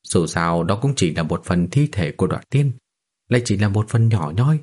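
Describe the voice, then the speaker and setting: A man's voice: deep voice, lively intonation, moderate pace, darkish tone. A man voicing a proud, arrogant ancient male immortal in a fantasy audiobook, speaking coldly and haughtily. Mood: haughty.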